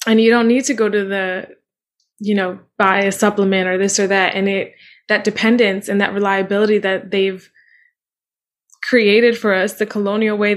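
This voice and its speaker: A woman hosting a podcast, chatting eagerly and agreeing with her guest, rambling with "like" and "you know.". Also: medium pitch. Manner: enthusiastic, agreeing, rambling with fillers. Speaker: podcast host. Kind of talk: casual conversational chat.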